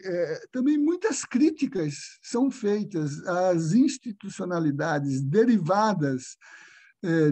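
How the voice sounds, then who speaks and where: An older Brazilian man giving an academic lecture over a video call, speaking slowly and hesitantly with many fillers. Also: high-pitched, warm tone.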